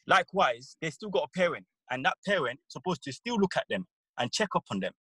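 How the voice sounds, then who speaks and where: A man in a casual panel debate, insistent and halting, often repeating words as he builds his argument. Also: on the high side, very animated, bright, forceful tone, breathy edge, dry recording, rough recording.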